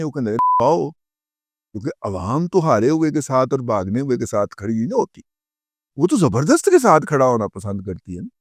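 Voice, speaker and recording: A man with a Punjabi accent delivers a scornful political commentary in a fairly high voice. His pitch swings widely as he mocks and lectures. The sound is close and dry, with no room around it. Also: no echo. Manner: scornful, heated, mocking; switches between Urdu and Punjabi. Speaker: political analyst and host.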